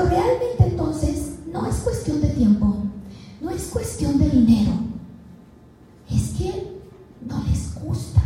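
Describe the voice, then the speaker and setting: A woman's voice: high-pitched, a little hiss or hum. Mexican lady presenting to teachers, recorded far off in a big echoey hall, faint music behind. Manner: animated, rhetorical questions to the audience. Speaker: education speaker. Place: large event hall.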